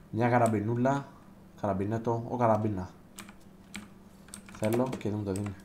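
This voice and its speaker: A man giving live gameplay commentary as a streamer, chatting to viewers and bursting into loud exclamations. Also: on the low side, slight background noise. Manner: chatty, addresses viewers directly.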